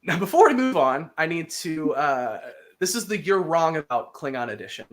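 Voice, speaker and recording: A teacher giving a relaxed language lesson, explaining words patiently and repeating phrases slowly for a learner to copy. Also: medium pitch.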